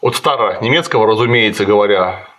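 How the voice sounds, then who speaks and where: A man's voice: lowish voice, fairly quick, a bit bright. A man chatting casually while critiquing a film, sarcastic and digressive. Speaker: co-host reviewing a film.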